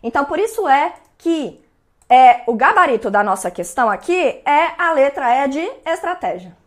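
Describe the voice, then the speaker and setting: A woman with a Brazilian Portuguese accent speaks in a high, very lively voice at a normal pace. She's running an online exam-prep lesson, going over answers in a chatty manner and frequently checking in with her students.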